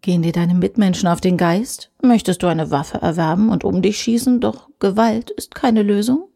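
A woman voicing a smooth, persuasive male virtual advertising avatar, speaking softly and coaxingly. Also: mid-range voice, normal speed. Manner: soft, coaxing, hushed.

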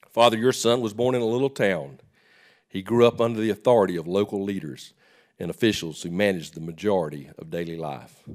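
A man leading a formal public prayer as a legislator, in solemn, measured phrases that start strong and fall away. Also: low voice. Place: legislative chamber, at the podium.

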